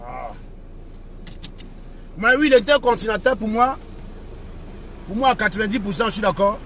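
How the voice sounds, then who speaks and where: A man's voice: high-pitched, very animated, moderate pace, pushed and bright, a little hiss or hum. A man ranting to his viewers on a live stream, mocking and repeating his points for emphasis. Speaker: online commentator.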